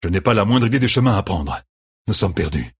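A man reading an audiobook, voicing a worried male companion who calls out loudly. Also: lowish voice, fairly quick, breathy edge, full character voice. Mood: alarmed. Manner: loud, excited.

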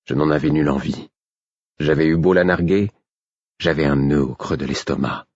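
Man narrating audiobook, very low voice, husky, dry dull recording. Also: steady tone, moderate pace, a little mellow, dry recording. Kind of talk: first-person novel reading.

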